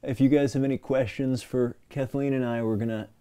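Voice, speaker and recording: A man with a mid-range, dark-toned voice hosts a casual livestream from his personal workspace indoors, chatting playfully in a rambling show-and-tell style. He speaks a little fast in a steady tone with no echo, though the room recording is clearly noisy and has clicks.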